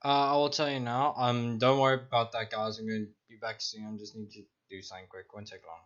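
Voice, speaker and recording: A man's voice: medium pitch, flat delivery, quick pace, fairly bright tone, highs cut off. A young man narrating as dungeon master on a stream, talking in a loose, rambling, self-mocking way. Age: young adult. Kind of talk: narrating a tabletop game on stream.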